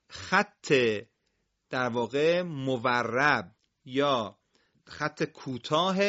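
Patient man teaching reading, bright lo-fi. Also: fairly high pitch. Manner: patient, drills single syllables loudly. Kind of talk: broadcast classroom lesson.

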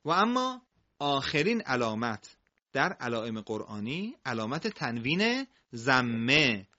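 A man teaching recitation, explaining quickly and then drawing out example words slowly for students to repeat. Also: mid-range voice, sing-song, bright, forceful tone. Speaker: Quran reading teacher. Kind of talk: recitation lesson. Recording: muffled lo-fi audio.

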